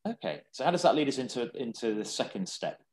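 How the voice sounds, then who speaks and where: A man's voice: medium pitch, very animated, fast talker, darkish tone. A man hosting an interview, asking questions and affirming his guest. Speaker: host, interviewer.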